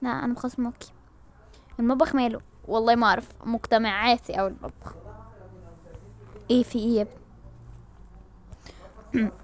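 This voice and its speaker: A woman with an Egyptian accent acts out every part of a home-made doll story. Her voice is high, and she switches lively and emotionally between characters. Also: fairly quick, pauses often. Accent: Egyptian Arabic. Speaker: storyteller voicing all characters.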